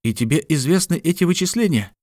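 A man doing an excitable adventurer. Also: fairly high pitch, fast, no echo, clean studio sound, voice pushed up. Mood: curious. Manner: animated, exclaiming. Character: excitable curious adventurer man, lively and joking.

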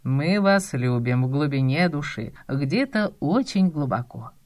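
A woman reading an audiobook, voicing a dry, teasing middle-aged male publishing boss with a lowered, drawn-out delivery. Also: sing-song, a little mellow. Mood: wry teasing.

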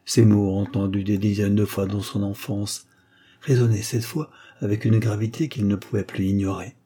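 Male audiobook narrator, measured literary delivery, low husky voice. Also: level tone, dark tone. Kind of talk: scripted narration.

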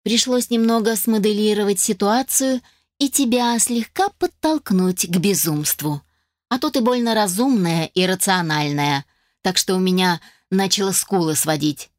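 A woman voicing a sly, mischievous female fairy who teases in a smug, lowered voice. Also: unhurried, no echo, studio quality, natural voice. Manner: teasing, smug, with soft giggles. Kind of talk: audiobook character voice.

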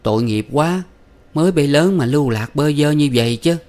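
A man voicing a gentle, motherly wealthy lady in an audiobook reading, speaking softly and fondly. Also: a little high, expressive, moderate pace, pitched above the performer's own voice, lightly acted. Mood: kindly. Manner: soft, fond and coaxing.

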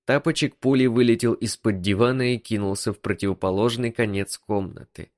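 A man reading a first-person story as an audiobook narrator, in an even, measured manner. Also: medium pitch, no room sound, studio quality.

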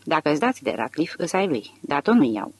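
A reader voicing a gruff, weary old farmer man who speaks curtly and harshly in an audiobook. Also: medium pitch, big pitch swings, no echo. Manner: curt, harsh refusals. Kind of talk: audiobook character reading.

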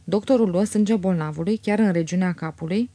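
Woman with a mellow, dry narrating voice. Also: lowish voice, dry recording. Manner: steady, measured storytelling. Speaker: audiobook narrator. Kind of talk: scripted audiobook narration.

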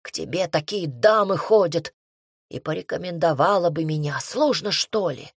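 A woman's voice: fairly low pitch, animated, moderate pace, breathy edge, no echo. Female narrator playing a fawning old barber in an audiobook, mumbling excuses, dry close sound. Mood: sheepish grumbling. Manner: mumbling, self-justifying. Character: aged male barber, wheedling self-pitying sycophant.

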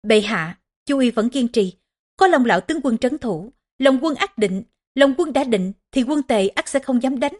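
A woman's voice: fairly high pitch, lively intonation, normal speed, a little mellow. A woman narrating a historical novel as an audiobook, reading every character's lines herself.

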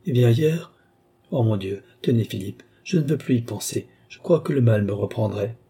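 A man's voice: mid-range voice, expressive, moderate pace, gravelly, mellow, slightly rough, exaggerated voice. A man voicing a frail nervous young noblewoman. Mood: feverish.

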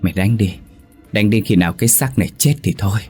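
A man's voice: fairly low pitch, fast, a little mellow, slightly rough, soft background music. A man voicing a possessed young woman in a ghost story, with a mocking, taunting demon inside her that also shrieks for her mother.

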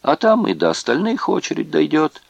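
Guy doing a drunk camp guard, mean and mocking, fake friendly, gravelly, dry close sound. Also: fairly high pitch, huge pitch swings, normal speed, no room sound, highs cut off, pitched above the performer's own voice, heavily acted. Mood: taunting. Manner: taunting, mock-friendly. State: tipsy. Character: drunk sneering male camp guard, cruel.

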